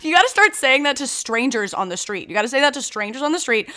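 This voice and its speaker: Bright, high-voiced woman chatting frankly. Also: fast talker. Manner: animated, emphatic, repeats phrases for effect; frank, sweary. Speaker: podcast co-host. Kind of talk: casual comedic chat.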